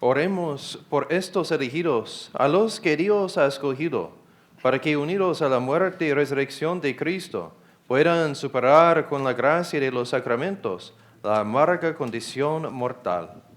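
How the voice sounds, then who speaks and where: A man's voice: a little high, a little slow. A man leading the liturgy at Mass, giving formal instructions and reciting prayer. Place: church during Mass.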